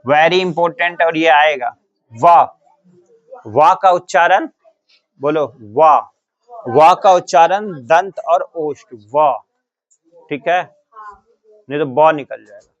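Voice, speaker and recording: A man's voice: fairly high pitch, slow, long pauses, muffled recording. A male teacher giving a grammar lesson to a class, drilling the students with the same question again and again and giving the answers himself. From Bihar, India. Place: coaching classroom.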